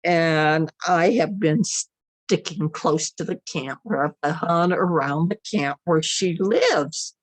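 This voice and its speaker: A woman's voice: low-pitched, slow, no room sound. A woman storyteller voicing a possessive eldest brother, a young man, in an insistent way, in a traditional story.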